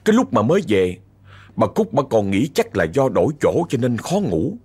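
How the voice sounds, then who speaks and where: Husky southern Vietnamese man telling ghost stories. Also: mid-range voice, wildly swooping pitch, normal speed, mellow. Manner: chatty, addresses listeners directly. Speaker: ghost story narrator. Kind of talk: told horror story.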